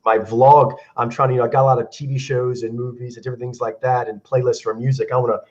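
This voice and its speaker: Slightly hoarse man, rambling host. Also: medium pitch, flat delivery, fast talker, darkish tone, dull audio. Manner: loose and rambling, many fillers. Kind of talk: casual online chat. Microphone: video call.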